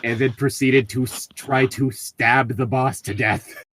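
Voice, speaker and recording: In casual group banter, a man reads tabletop gaming stories aloud and jokes about them, amused and prone to swearing. His voice is medium-pitched, steady, a bit bright, and a little slow.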